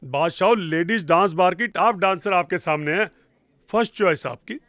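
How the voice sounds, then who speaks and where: An actor playing an ingratiating middleman who flatters a powerful client. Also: high-pitched, moderate pace, dry recording, studio quality. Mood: wheedling. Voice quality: ingratiating, wheedling.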